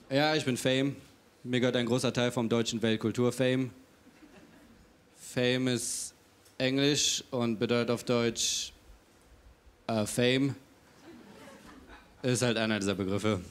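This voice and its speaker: A man doing a stand-up comedy set on stage before a live audience, with cheeky, deadpan self-mockery. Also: mid-range voice.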